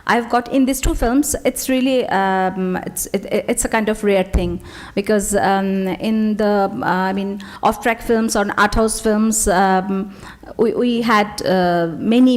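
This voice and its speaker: Halting woman actor. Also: medium pitch, steady tone, a little mellow. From Bangladesh. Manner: halting, many fillers, searching for words. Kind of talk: panel discussion.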